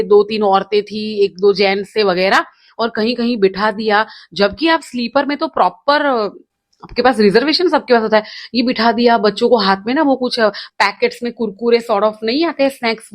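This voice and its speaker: A woman's voice: on the high side, moderate pace. A woman hosting a casual roast commentary, talking in a sarcastic, mocking, ranting way. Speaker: commentary host.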